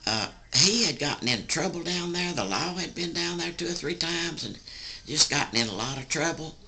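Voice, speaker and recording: An elderly woman with a Southern US accent, a sweet old lady telling family stories in a folksy, rambling, gravelly way. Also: low voice, expressive, moderate pace, bright, forceful tone. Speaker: grandmother recounting family stories. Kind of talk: casual oral storytelling.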